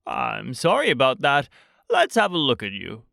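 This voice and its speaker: A man's voice: mid-range voice, huge pitch swings, normal speed, vocal fry, bright, forceful tone, no room sound, clean studio sound, full character voice. Man voicing Winnie the Pooh, an earnest, lilting bear. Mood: earnest, concerned. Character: earnest, kindly, simple male storybook bear.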